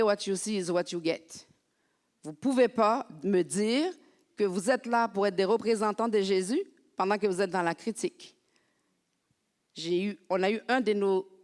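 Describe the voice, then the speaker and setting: A woman from France preaching a lively, conversational sermon as a pastor in a church. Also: medium pitch. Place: church sanctuary. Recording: long hall reverb.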